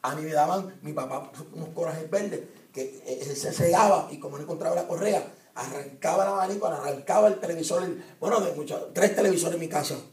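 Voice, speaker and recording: Emphatic preacher, roomy hall. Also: male voice, a little high, a little fast, few pauses, darkish tone. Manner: emphatic preaching with rhetorical questions to the audience. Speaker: evangelist preacher. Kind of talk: sermon. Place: church hall at a youth conference. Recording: roomy, distant church hall recording.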